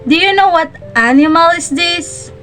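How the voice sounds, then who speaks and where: A woman's voice: very high-pitched, expressive, normal speed, fairly bright tone. A woman speaking as a kids show host, teaching young children with simple, encouraging questions and repeats. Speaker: children's lesson presenter. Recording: faint music behind the voice. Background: faint music.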